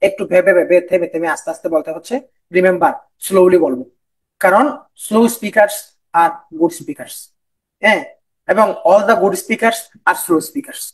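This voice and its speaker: A man's voice: high voice, poor audio. A man with a Bangladeshi Bengali accent giving an online lecture as an exam interview coach, often repeating himself and mixing in English. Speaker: BCS viva coach.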